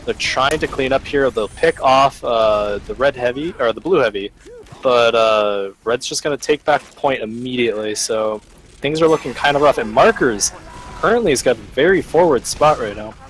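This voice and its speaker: A man giving analytical play-by-play commentary on a live esports match, pausing often on "uh". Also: mid-range voice, a bit bright, rough recording. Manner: analytical, hesitant, many fillers. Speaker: esports caster.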